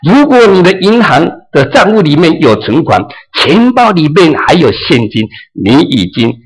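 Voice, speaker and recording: A man preaching with a lively, swooping delivery. His voice sits a little high and carries a husky edge. He acts out the dialogue of a parable as he speaks. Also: normal speed, poor audio. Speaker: pastor. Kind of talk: sermon.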